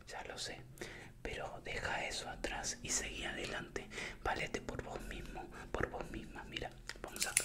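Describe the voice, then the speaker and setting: Young Latin American man whispering a pep talk. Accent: Latin American Spanish with voseo. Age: young adult. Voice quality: breathy unvoiced whisper. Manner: soothing, repetitive, encouraging. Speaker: ASMR creator. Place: small indoor room with bare wall. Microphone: desk microphone up close.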